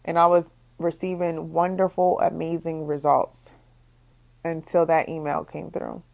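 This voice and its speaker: A young woman running her own swimwear shop tells a casual vlog story. Her voice sits a little low, and she repeats phrases as her exasperation grows, pushing her pitch higher when the frustration peaks. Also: little pitch movement, a little slow, vocal fry, darkish tone. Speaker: small business owner, bikini designer.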